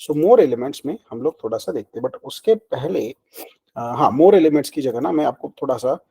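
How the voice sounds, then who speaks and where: Male coding instructor, warm mellow tone, chatty, answers his own questions. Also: mid-range voice, lively intonation, moderate pace, gravelly, husky, poor audio. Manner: mixes Hindi and English, asks and answers his own questions; conversational, frequent fillers like "ठीक है" and "ना". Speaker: programming instructor. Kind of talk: screen-recorded coding lesson.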